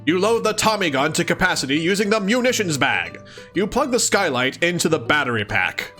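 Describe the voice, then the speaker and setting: Soft music plays behind the same webcomic let's-read host, whose voice sits on the high side and moves briskly. He performs the text with flair and keeps giggling through casual commentary.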